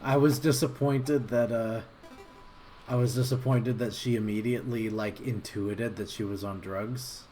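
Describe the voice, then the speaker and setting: A man's voice: medium pitch, fairly even intonation, unhurried, warm tone, faint music behind. Chatty man who laughs a lot. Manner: laughs often, agreeable and chatty. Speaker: stream co-host. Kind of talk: casual chat.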